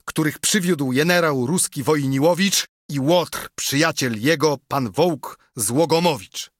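Fiery old steward stirring the crowd, read by a man, husky voice. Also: a little high, measured pace, no room sound, clean studio sound, pitched above the performer's own voice. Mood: rousing. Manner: impassioned, rousing. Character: old embittered male steward, fiery orator. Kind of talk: audiobook reading of an epic poem.

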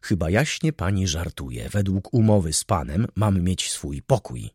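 A man's voice: low-pitched, very animated, a little slow, a little mellow, slightly rough, dry recording, clean studio sound, heavily acted. A man voicing a pompous, self-important male valet who talks down to his masters and the maid. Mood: haughty. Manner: haughty, condescending, commanding.

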